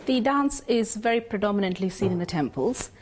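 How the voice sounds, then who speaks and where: In a documentary interview, a woman explains the history and customs of a classical dance, pausing often and using fillers. Her voice is medium-pitched and a little mellow, and the recording carries a slight hiss or hum.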